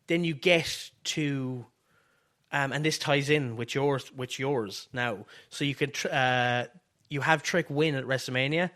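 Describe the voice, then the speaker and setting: A man's voice: medium pitch, unhurried, fairly bright tone. A man co-hosting a casual podcast, rambling through wrestling ideas and acting out the wrestlers' lines. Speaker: podcast co-host. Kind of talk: casual wrestling fantasy booking chat.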